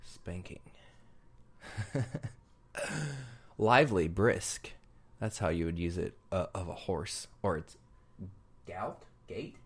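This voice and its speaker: A man with a very low, deep voice co-hosts a podcast from home. He talks in a relaxed, joking way into a desk microphone. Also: slow pace, long pauses, breathy edge. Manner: joking, playful. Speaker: podcast co-host. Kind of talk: casual chat. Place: home room with lights off.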